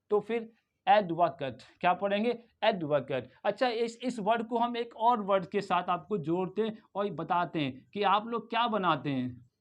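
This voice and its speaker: Man, Lucknow Hindi accent, English pronunciation teacher, repeats words slowly, asks and answers his own questions. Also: sits high, highs cut off. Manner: drills words by repeating them slowly with emphasis; asks the class questions and answers them himself. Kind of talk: classroom-style pronunciation lesson.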